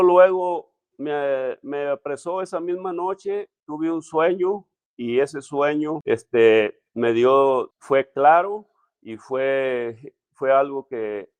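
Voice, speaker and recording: A man, a pastor, telling his personal testimony in a halting, emotional way with many restarts. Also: mid-range voice, darkish tone, clean tone, no echo. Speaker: pastor, interview guest.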